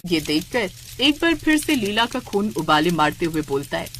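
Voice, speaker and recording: A woman's voice: fairly low pitch, moderate pace, slight background noise. A woman narrating a cartoon moral story. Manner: steady storytelling.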